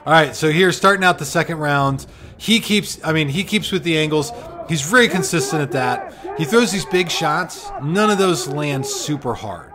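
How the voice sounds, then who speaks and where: A man's voice: fairly high pitch, lively intonation, normal speed, a crowd in the background. A man in his forties commentating a replay of his own boxing bout, with a joking, self-deprecating play-by-play manner. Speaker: amateur boxer commentating his own fight. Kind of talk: casual fight commentary.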